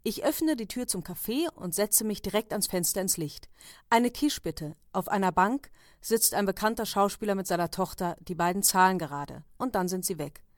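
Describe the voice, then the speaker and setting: A woman reading stories aloud in a calm, even narrating manner. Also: medium pitch, normal speed, no echo, clean studio sound. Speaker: reader. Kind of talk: audiobook reading.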